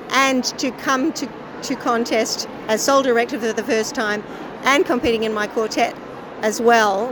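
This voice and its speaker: A woman with a croaky voice, answering casually in an interview as a chorus director and singer. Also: on the high side. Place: busy convention venue. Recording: noisy location recording, busy venue ambience.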